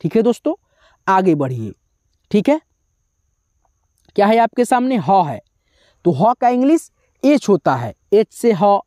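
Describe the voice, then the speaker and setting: Woman, spelling teacher, slow and patient, letter-by-letter drills, dark mellow voice, dry close sound. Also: mid-range voice, sing-song, dry recording. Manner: drills syllables letter by letter, adds brief explanations.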